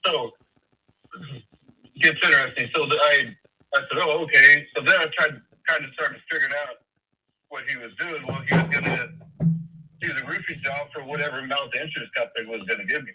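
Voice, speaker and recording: A man's voice: medium pitch, brisk, pauses often, pushed and bright, slight background noise. A man calling in over a speakerphone, retelling events in a rambling, hesitant way with restarts. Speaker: caller. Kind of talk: phone-in storytelling. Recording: distant tinny speakerphone line.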